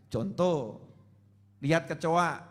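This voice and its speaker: High-voiced man preaching. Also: takes it slowly. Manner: storytelling, acts out quoted voices, asks the audience questions. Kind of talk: sermon.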